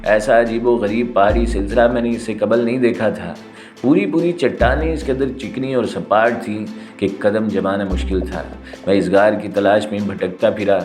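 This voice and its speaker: A man reading a first-person thriller novel aloud with steady, dramatic storytelling. His voice sits low, and faint instrumental music plays softly underneath the narration.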